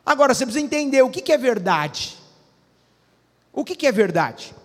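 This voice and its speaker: A man with a very high-pitched voice preaches a sermon to his congregation. He keeps throwing questions back at the listeners and waits for their replies. His voice rings with the long reverb of a church hall. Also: sing-song, a little fast. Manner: preaching with frequent call-and-response questions to the congregation. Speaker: pastor.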